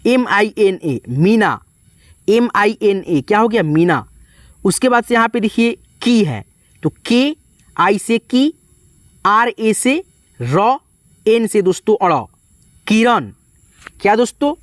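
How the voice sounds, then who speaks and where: A man's voice: high-pitched, expressive, unhurried, long pauses, no echo. Male tutor, patient step-by-step spelling lesson, dry and close to the mic. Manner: spells letter by letter, repeats "ठीक है" and "दोस्तों". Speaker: English teacher.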